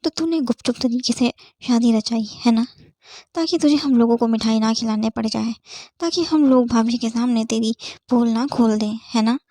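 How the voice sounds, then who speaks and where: A woman voicing a playful, teasing young male doctor friend in an audiobook story, chatty and quick to tease. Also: on the high side, dark tone, dry recording, lightly acted. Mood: indignant. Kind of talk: audiobook character voice.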